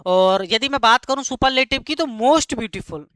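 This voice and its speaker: A man leads a live grammar class in a bright, clear, smooth voice, recorded dry with almost no room sound. He checks in with the students again and again. He lingers on each example word so it sinks in. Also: very high voice, no echo. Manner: keeps asking students quick check questions; repeats key words slowly for emphasis. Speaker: English grammar teacher.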